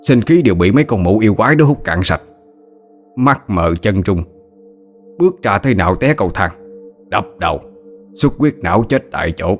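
Man doing a gruff, cursing old ink dealer. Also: lowish voice, lively intonation, moderate pace, pauses often, faint music behind. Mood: gruff, mocking. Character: coarse, foul-mouthed old male ink dealer.

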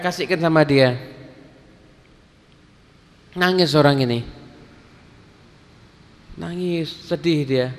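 Male preacher, higher voice, storytelling sermon, long hall reverb. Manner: casual Javanese-flavoured Indonesian, acts out quoted dialogue.

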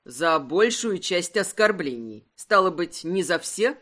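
A woman acting out a self-assured aristocratic earl from a romance audiobook, speaking low and unhurried with a wry, teasing edge. His lively delivery keeps every line measured and controlled. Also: exaggerated voice.

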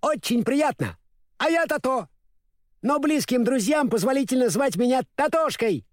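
Man voicing a yappy, high little storybook dog, proud and touchy. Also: lively intonation, normal speed, no room sound, clean studio sound. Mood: indignant. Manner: indignant, proud. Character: small proud lapdog, male, feisty. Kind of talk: storybook reading.

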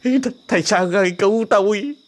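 A man's voice: high-pitched, normal speed, voice pushed up, lightly acted. A man voicing a terrified older man who stammers and pleads. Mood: pleading. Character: terrified older man begging for his life.

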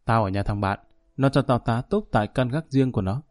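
Guy reading a sad young runaway in a storybook, quiet rueful telling, dry sound. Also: mid-range voice, a little fast, dry recording, lightly acted.

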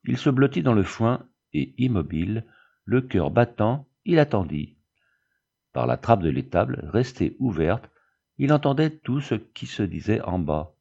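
A man reading a Christmas tale aloud as scripted narration, at a steady pace, raising his voice a little for the characters' quoted lines. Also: on the low side, measured pace, gravelly, slightly rough, muffled recording. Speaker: audiobook reader.

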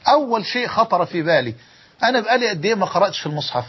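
A man's voice: sits high, big pitch swings, very fast, husky. A man preaching a sermon in an Egyptian accent, telling stories with emotion and repeating key phrases. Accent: Egyptian Arabic. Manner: emotive storytelling with repetition. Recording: dull lo-fi recording.

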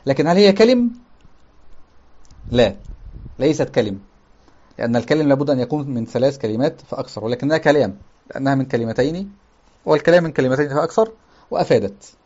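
A man's voice: medium pitch, expressive, fast, long pauses, a little mellow, highs cut off. A man teaching a grammar lesson. He explains step by step, repeats key terms, often checks with his listeners, and raises his voice when he quotes the text.

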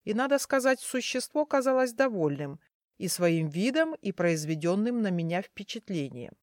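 A woman reading a first-person fantasy story as an audiobook narrator, in a measured storytelling manner. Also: medium pitch, sing-song, no echo, clean studio sound.

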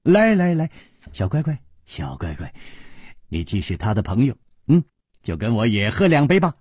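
A man's voice: mid-range voice, very animated, normal speed, a little mellow, husky, dry recording, studio quality. A man voicing a cheerful, suave male hero who talks in jovial, laughing banter.

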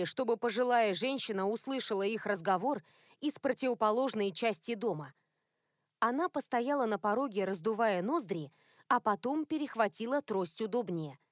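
A woman narrating a novel in a measured, expressive reading style. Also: fairly high pitch, dry recording, clean studio sound. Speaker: audiobook narrator. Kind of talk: scripted narration.

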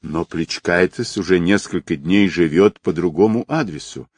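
A man's voice: deep voice, moderate pace, breathy edge, no room sound. A man voicing an earnest young police captain reporting to his superior.

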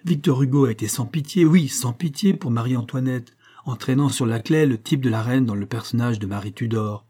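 A man's voice: mid-range voice, fairly quick, dark tone, natural voice. A man voicing a stern aristocratic count who lectures indignantly in a raised voice. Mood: stern, moralizing. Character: stern aristocratic older male count, moralizing.

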